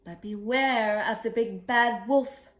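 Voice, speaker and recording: A woman's voice: on the high side, slow, a bit bright. A woman voicing a protective mother pig in a storybook, firm and instructive. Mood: firm warning. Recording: echoey room.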